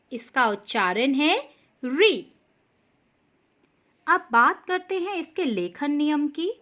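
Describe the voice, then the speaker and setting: Slow, patient woman teaching Hindi writing. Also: high-pitched. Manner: patient, repeats key points, stresses each correction. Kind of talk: slow explanatory lesson.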